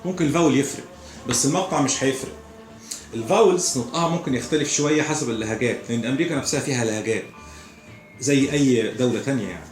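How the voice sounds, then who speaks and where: A man with an Egyptian Arabic accent teaching English pronunciation, explaining slowly and repeating example words. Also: mid-range voice, reverberant, faint music behind. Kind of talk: recorded lesson.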